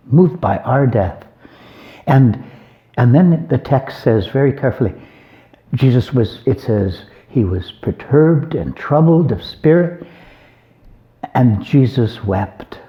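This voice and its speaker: A man's voice: mid-range voice, muffled recording. A man, an abbot, giving an informal homily on a Gospel reading, conversational and folksy, with joking asides.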